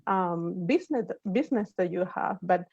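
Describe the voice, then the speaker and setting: A woman speaks in a halting, affirming way in a panel discussion. Her voice is mellow and mid-pitched. The sound is dry and a bit dull, like lo-fi call audio. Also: expressive, gravelly, husky, dry recording. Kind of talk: panel discussion on community issues.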